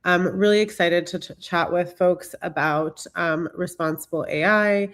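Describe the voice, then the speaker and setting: A congested woman speaks as a guest expert, presenting in a halting way full of fillers and restarts. Her voice sits a little low. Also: fairly even intonation, a bit bright. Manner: hesitant, many fillers. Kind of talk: presentation talk.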